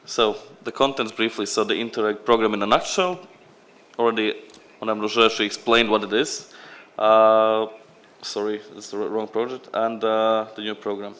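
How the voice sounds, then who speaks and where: Guy presenting at a conference, kinda low voice, loose and unscripted. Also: steady tone, normal speed, a bit bright. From Latvia. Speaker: program representative at a conference.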